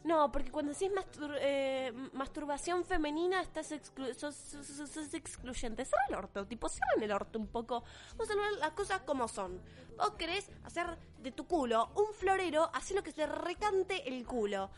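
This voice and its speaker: A woman's voice: sits high, very animated, normal speed. A teenage girl with an Argentine accent, ranting to camera in a blunt, profane and sarcastic way. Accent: Argentine Spanish. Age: teens. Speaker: vlogger. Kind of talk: opinion rant to camera.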